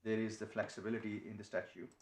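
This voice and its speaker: A man making a legal submission to appeal judges, halting and restarting often as he speaks. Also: fairly low pitch, level tone. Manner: halting, many restarts and repeated words. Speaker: barrister. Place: courtroom. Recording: echoey courtroom, faint noise.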